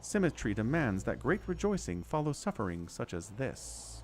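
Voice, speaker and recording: A man's voice: medium pitch, big pitch swings, normal speed, a little hiss or hum, close to an everyday voice. A man voicing a grave goddess from game text, reading her words aloud in a lofty, solemn way. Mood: lofty, consoling. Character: grave goddess speaking through birds, read aloud.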